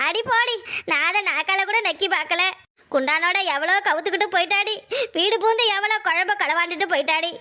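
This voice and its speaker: A woman's voice: very high voice, brisk. A woman voicing an indignant, accusing village housewife in a cartoon, with a Kanyakumari Tamil accent. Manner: complaining, accusing, shouting. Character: fiery robbed housewife, loud and indignant. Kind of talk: cartoon voice acting.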